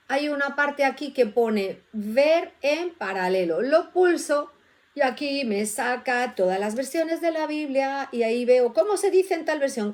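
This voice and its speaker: High-voiced woman leading Bible study. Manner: lively, acts out the voices in the verses she reads. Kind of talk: casual scripture teaching.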